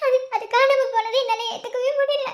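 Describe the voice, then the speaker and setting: A woman's voice: brisk, lo-fi sound. A woman voicing a fiery, emotional young woman in a cartoon, speaking with a Madurai Tamil accent and scolding through tears. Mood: tearful. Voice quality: very high, squeaky cartoon voice. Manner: teary, scolding, sulky. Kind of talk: animated cartoon dialogue.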